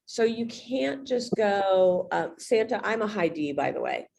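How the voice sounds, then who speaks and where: A woman real estate agent coaching on a video call, a fast talker who speaks bluntly and directly. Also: mid-range voice, very animated, gravelly, darkish tone, slight background noise.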